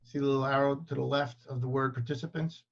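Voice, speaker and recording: A man's voice: medium pitch, fairly even intonation, fast talker, creaky. A man hosting an online meeting, introducing the speaker with frequent fillers. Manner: reads the bio with many fillers. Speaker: meeting host. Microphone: video call. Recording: dull lo-fi video call audio.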